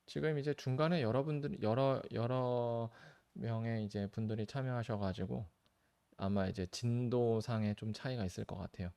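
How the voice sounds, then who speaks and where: A man's voice: medium pitch, steady tone, normal speed, vocal fry, mellow, clean tone. Earnest pleading male pastor. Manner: earnest and pleading, stresses words with sudden lifts. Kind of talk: live-streamed teaching with viewer Q&A.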